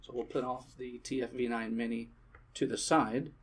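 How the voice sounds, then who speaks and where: A man giving a relaxed product demonstration, talking casually with frequent fillers and self-corrections. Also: medium pitch, normal speed, a little hiss or hum. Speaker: shop presenter.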